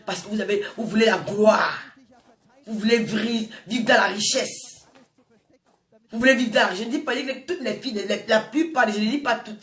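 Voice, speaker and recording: A woman in her forties with a Francophone African accent and a mid-range, fairly bright voice lectures her social media viewers in an informal, impassioned monologue. Emphatic scolding and repeated phrases drive it, captured by a distant microphone in an echoey room.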